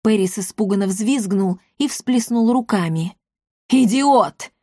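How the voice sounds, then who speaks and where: Brief: woman audiobook reader, mid pitch, dry studio sound. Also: normal speed, warm tone, no room sound. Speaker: audiobook narrator. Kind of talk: scripted narration.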